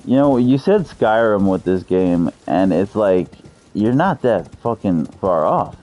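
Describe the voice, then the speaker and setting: Deep-voiced man in his thirties, profane streamer. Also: expressive, unhurried, mellow. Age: 30s. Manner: profane, loose, chatty with viewers. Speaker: game streamer. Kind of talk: casual live-stream chat.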